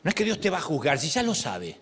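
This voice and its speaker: Middle-aged male pastor, fairly high voice, lively sermon delivery. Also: quick pace, breathy edge. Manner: expressive, acts out quoted prayers and voices.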